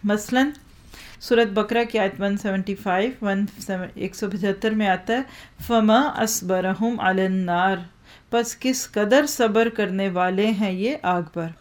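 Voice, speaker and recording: Speaking in a mid-range voice, a female teacher walks her class through Quranic Arabic grammar in a religious lesson, posing questions to the students and slowly reciting verses as she explains each step.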